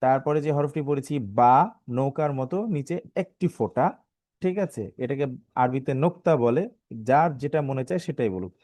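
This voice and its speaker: A man's voice: medium pitch, animated, normal speed, warm tone, no echo. A man teaching an online live lesson on Arabic letter sounds, with a Bangladeshi Bengali accent, patiently drilling syllables and having learners repeat them. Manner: stretches out some sounds, half singing.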